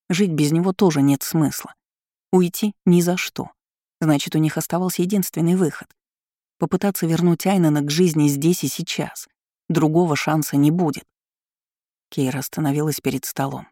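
An audiobook narrator reads a fantasy story in an even, measured way. The voice is mellow and relaxed, and the recording is dry and close. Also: mid-range voice, no echo.

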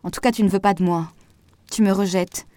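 A woman's voice: medium pitch, steady tone, a little fast, warm tone, no echo, close to an everyday voice. A woman voicing an insecure, hopeful young woman in an audiobook, pleading and a little raised. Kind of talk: audiobook dialogue reading.

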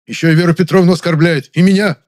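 A man voicing a sly, petulant male theatre director in an audiobook, with a shrill, whiny delivery. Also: fairly even intonation, fast, a little mellow, natural voice.

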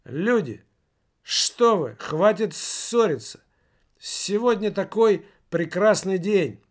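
A man's voice: high-pitched, expressive, takes it slowly, pitched above the performer's own voice. A man voicing a cheerful, very young man who insists the day is wonderful, in an audiobook reading. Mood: joyful. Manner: beaming and insistent. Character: cheerful young man, almost a boy, peacemaker.

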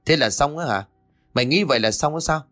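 A man's voice: a little high, animated, fairly quick, bright, forceful tone, faint music behind, pitched above the performer's own voice. A man voicing a spiteful middle-aged village woman who sneers and scolds. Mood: spiteful scolding.

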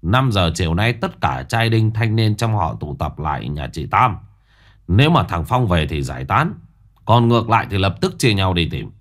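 A man's voice: low voice, sing-song, moderate pace. A man voicing a curt, stubborn middle-aged village man who scolds. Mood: gruff.

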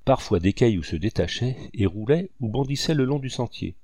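A man reading a novel aloud as scripted narration, in a measured, descriptive way. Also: mid-range voice, animated, a little mellow, no room sound, studio quality. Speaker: audiobook reader.

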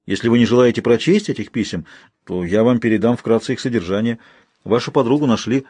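A man reading an audiobook, voicing a calm, self-assured young gentleman who speaks in a matter-of-fact, persuasive way. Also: medium pitch, fast, breathy edge, no echo, natural voice. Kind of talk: audiobook character voice.

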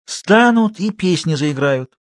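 A man voicing a gloomy, superstitious old village night watchman who talks slowly in rustic speech. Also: on the high side, expressive, no room sound, clean studio sound, voice pushed up. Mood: gruff, mysterious. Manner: slow, dialect-heavy, mysterious.

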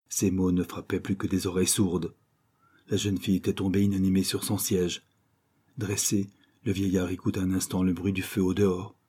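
A man narrates a classic short story at a measured pace. His voice is low and dark, with a husky grain. It is read in a steady audiobook style.

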